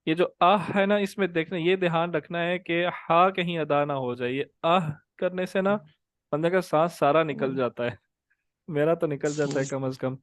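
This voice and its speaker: Calling students by name on a video call, a young tajweed teacher patiently works through the letters, holding each sound long as an example. He speaks at a steady, fairly high pitch, captured in clean studio sound with no echo.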